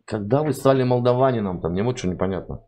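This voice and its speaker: A man's voice: medium pitch, fast talker, crowd noise. A man hosting a chat stream, pressing a caller with the same question in a persistent, mocking way. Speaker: streamer host. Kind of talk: prank chat interrogation.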